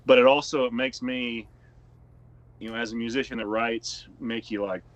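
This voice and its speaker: A man co-hosting a band's podcast, chatting casually with excitable bursts and easy laughter. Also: medium pitch, moderate pace. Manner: excitable, loud outbursts and laughter. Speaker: podcast co-host, band member. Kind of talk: casual chat.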